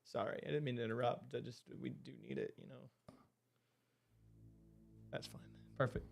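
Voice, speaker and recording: A man with a mid-range voice reads out an overwrought saga in a loud, declaiming style, then drops back into easy podcast banter. Faint music plays behind him. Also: mid-range voice, steady tone, moderate pace, gravelly. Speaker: podcast co-host. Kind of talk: casual chat, grand dramatic reading aloud.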